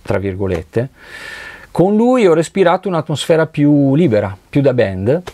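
A middle-aged Italian session drummer reflects on his work in a relaxed conversational interview in a recording studio, searching for words as he goes. His fairly high voice is sing-song and dark, at normal speed, with no echo.

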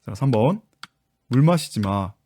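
A man leads an online English lesson and takes his viewers patiently through each step. His voice is mellow and relaxed, and his pitch sits in the middle range. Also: a little slow, slight background noise. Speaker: English teacher and book author.

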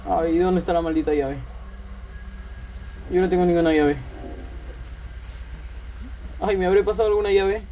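A man's voice: sits high, steady tone, normal speed, pauses often, mellow, a little hiss or hum, low-quality recording. A man commentating a horror game, his voice trembling with fear as he mutters and yelps nervously. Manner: jittery, frightened exclamations and muttering. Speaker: gaming channel host.

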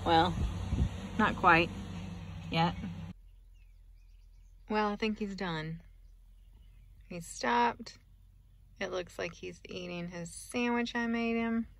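A woman in her forties casually vlogs about her farm, chatty and often laughing, filming on a phone held at arm's length in her truck and out in the fields. Her medium-pitched voice is creaky and fairly bright, slow and full of pauses. The outdoor phone recording is noisy, with truck and outdoor ambience behind her.

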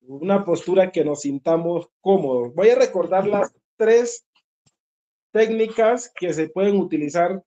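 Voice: medium pitch, measured pace, mellow, dull audio. A singing teacher leading a group voice lesson, explaining patiently, repeating key points and checking in with the listeners.

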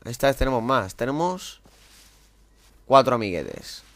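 Excitable Spanish man commentating gameplay. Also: mid-range voice, measured pace, dry recording. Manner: excitable, talks to himself while playing, sudden loud outbursts. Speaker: gameplay streamer.

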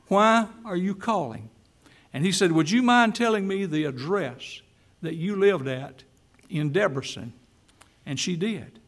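A male pastor delivers a sermon in a church. His voice sits a little high and has a gravelly edge. He moves from storytelling into emphatic, repeated declarations. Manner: storytelling then emphatic preaching.

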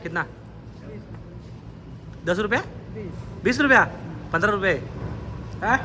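A man's voice: sits high, animated, slow, background noise. A young man chatting casually to his vlog viewers, teasing friends with lots of laughter. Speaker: vlogger.

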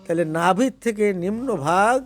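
A man who teaches a small group about prayer and mantra practice, asking them questions as he goes. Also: high-pitched. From Bangladesh. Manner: explains by asking questions, then chants slowly. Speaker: religious teacher.

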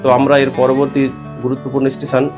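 A travel vlogger narrates a train journey, explaining the sights quickly and informatively like a tour guide. His medium-pitched voice has a completely flat delivery. The voice-over rides on a guitar music bed.

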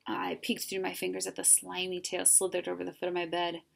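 Woman storyteller for a children's book; lowish, slightly gravelly, expressive. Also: quick pace, a little hiss or hum. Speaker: reader. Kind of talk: children's story read-aloud.

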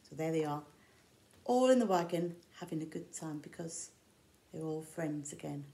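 This middle-aged infant school teacher has an English accent and a low, creaky, mellow voice with lively intonation, and she speaks at a normal speed. She reads a picture book expressively to young children and gives them simple explanations of words. Recorded indoors beside large windows, the sound carries a roomy echo.

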